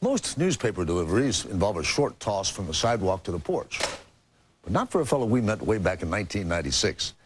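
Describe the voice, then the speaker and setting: A man's voice: sits low, very animated, a little fast, a little hiss or hum. An older man hosting a news program with scripted broadcast narration.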